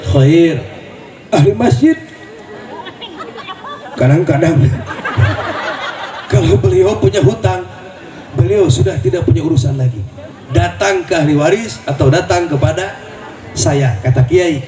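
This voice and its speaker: A man's voice: on the high side, unhurried, pauses often. A male preacher giving a humorous sermon, teasing the congregation with questions and jokes. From Indonesia. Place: mosque gathering with crowd. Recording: echoey hall, voice from far off, crowd noise.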